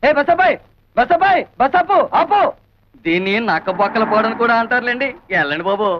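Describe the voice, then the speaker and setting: A brash, teasing young hero who loves to stir things up. His voice is high and bounces around as he talks quickly. The soundtrack is dull and has a faint hiss. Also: sing-song. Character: cocky young male hero, the nephew.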